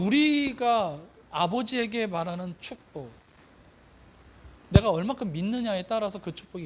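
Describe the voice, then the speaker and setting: A male pastor preaching a sermon, addressing the congregation with questions and repeating phrases for emphasis. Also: very high-pitched.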